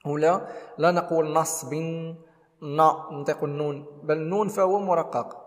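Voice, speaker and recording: Male recitation teacher, fairly high voice, methodical step-by-step explanations, long reverb. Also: moderate pace. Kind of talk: tajweed lesson with demonstrations.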